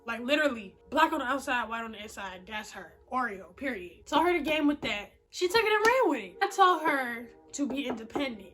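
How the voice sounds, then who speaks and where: A young woman vlogging straight to camera, her voice high-pitched and bright. She talks bluntly and animatedly in heavy slang, swearing freely. Faint music plays behind her. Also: sing-song, fairly quick, hardly any pauses. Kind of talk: casual storytime vlog.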